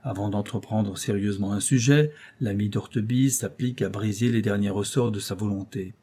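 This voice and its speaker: A man reading a novel aloud as an audiobook narrator, in a measured storytelling manner. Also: lowish voice, warm tone, breathy edge.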